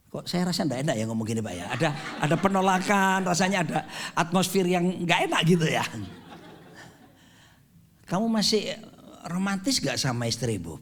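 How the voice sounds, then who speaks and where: A pastor in his fifties preaching a sermon in a dramatic, animated way, mixing jokes and English phrases. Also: on the high side. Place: church sanctuary.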